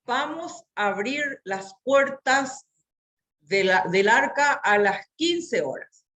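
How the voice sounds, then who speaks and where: A woman's voice: on the high side, expressive, slow, fairly bright tone, pitched above the performer's own voice. A woman voicing God as a commanding male figure in a children's story. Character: booming male God giving orders.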